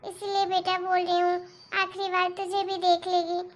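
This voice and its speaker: A woman voicing a gentle, patient mother who softly coaxes her family in a cartoon story. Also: very high-pitched, monotone, moderate pace. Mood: pleading. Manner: soft, coaxing, patient. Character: gentle pleading middle-aged Indian mother. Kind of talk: cartoon voice acting.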